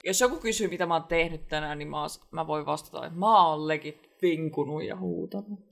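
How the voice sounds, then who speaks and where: A woman's voice: low voice, gravelly, a little hiss or hum. A woman recording a fan dub, joking, swearing and giggling between takes. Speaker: amateur voice actor.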